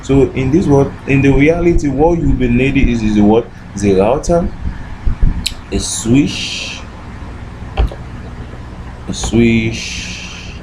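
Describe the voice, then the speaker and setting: A tech instructor with a mid-range voice takes it slowly and pauses often through an informal step-by-step tutorial, with background noise present. He keeps asking himself brief questions, often with a repeated "what," then answering them.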